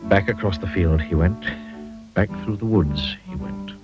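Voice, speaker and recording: A man reading a children's storybook aloud in an expressive, playful way. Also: sits low, unhurried, music in the background. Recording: dull lo-fi audio.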